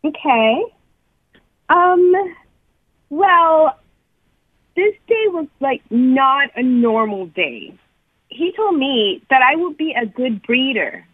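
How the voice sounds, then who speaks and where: Woman on speakerphone, high and lively. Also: takes it slowly, pauses often, husky, dry recording. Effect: on speakerphone over a phone line. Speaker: radio show call-in guest. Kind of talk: casual phone chat. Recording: tinny phone-line audio.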